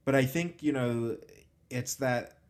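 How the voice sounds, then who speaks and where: A man's voice: mid-range voice, slow, a little mellow. A man hosting a podcast, talking thoughtfully and casually with plenty of fillers. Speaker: podcast host.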